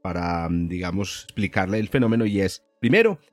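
A man's voice: sits low, expressive, brisk, no room sound, faint music behind. A man hosting a podcast in a casual, educational style, like a professor chatting. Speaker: podcast host, physics professor. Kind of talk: casual, educational science chat.

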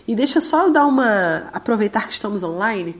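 A Brazilian Portuguese-speaking woman giving a conversational interview, her voice hoarse and duck-like as she recovers from laryngitis. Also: mid-range voice, expressive, brisk. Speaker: interviewee, independent musician.

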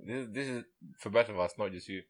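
A man's voice: fairly low pitch, fast. A man in his twenties co-hosting a casual podcast chat, laid-back, laughing often and saying "bro" and "you know" a lot. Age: 20s. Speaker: podcast co-host.

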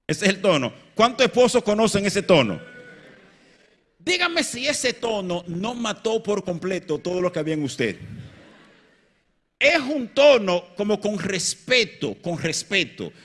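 A man preaching a sermon, swinging between loud emphatic peaks and quiet low passages and joking with his congregation. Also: very animated, a little slow. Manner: jokes and banters with the congregation.

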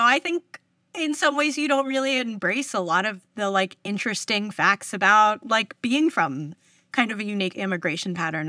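A New York woman in her thirties, from the US East Coast, talks casually as a guest in an interview, being a public radio journalist. She has a mid-range voice that's bright and forceful, recorded in clean studio sound with no echo. Her manner is chatty, with many fillers and frequent laughter mid-sentence.

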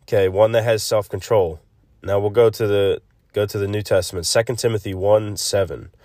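A man hosting a casual solo devotional podcast, thinking aloud haltingly, recorded on a phone's built-in mic instead of a proper microphone. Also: on the low side, steady tone, a little mellow, dry recording. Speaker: podcast host. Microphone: built-in phone mic, no separate microphone. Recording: close, dry phone recording.

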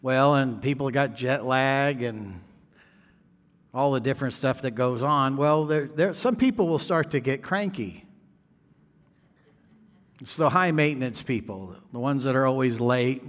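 A man's voice: mid-range voice, unhurried, pauses often, big-room sound. A man preaching a sermon, joking with the congregation, mimicking people and breaking into snatches of songs. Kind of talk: sermon with storytelling. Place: church hall.

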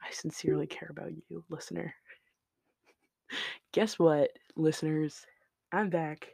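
A man's voice: fairly high pitch, level tone, unhurried, vocal fry, a little mellow, husky, no room sound. A man hosting his own solo podcast, talking casually in a rambling, tangent-prone way with lots of "like" and "um" and some swearing, into his home microphone. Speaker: podcast host.

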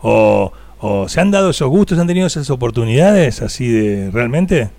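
A man with an Argentine Spanish accent hosting a casual radio interview, chatty and quick to laugh. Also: mid-range voice, sing-song, gravelly, a little mellow, no room sound. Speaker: radio host.

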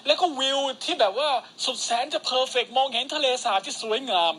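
A man's voice: extremely high pitch, fast talker, bright, forceful tone, slight background noise. A man co-hosting a casual wrestling recap, telling stories in a joking, profane way. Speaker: podcast co-host.

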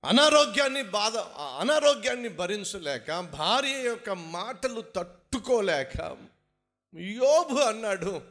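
A man's voice: high-pitched, takes it slowly. A man preaching a sermon, firing rhetorical questions and acting out the words of biblical figures. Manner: animated, rhetorical questions, acts out biblical speakers. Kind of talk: Telugu sermon.

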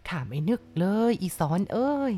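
Woman doing a slow, blunt old village granny. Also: dark tone, close to an everyday voice. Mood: grieving. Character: blunt old village grandmother, coarse-spoken.

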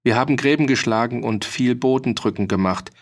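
A man's voice: medium pitch, natural voice. A man reading as a stubborn proud old farmer. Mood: earnest. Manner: measured, earnest, rustic dialect speech.

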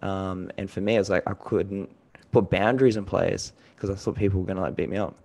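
A man's voice: low voice, fairly even intonation, fairly quick, creaky, darkish tone. A young man from New Zealand speaking earnestly and informally as an interview guest, reflecting on himself in an introspective way. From New Zealand, moved to Australia at five. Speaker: podcast guest, customer experience designer.

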